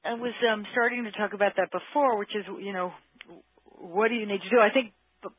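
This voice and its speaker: This workplace psychology expert has a high voice and a steady tone, talking a little fast in a conversational interview heard over a phone line. He works through his ideas carefully, hunting for the right phrasing.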